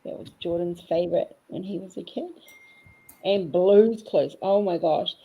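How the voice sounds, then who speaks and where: A craft vlogger from New Zealand chats casually and cheekily while diamond painting, rambling fondly as she works. Her voice is on the low side, unhurried, with a breathy edge, and the sound is phone quality.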